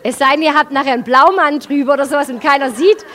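Lively Swabian woman preaching. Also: high-pitched, fast talker. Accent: Swabian German. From Swabia, Germany. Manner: lively, with big swings in loudness and everyday examples. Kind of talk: sermon.

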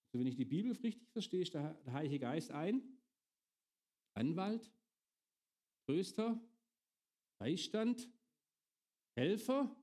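A man's voice: fairly high pitch, sing-song, slow pace, long pauses, warm tone. A middle-aged man preaching a sermon, often turning to his congregation with direct questions.

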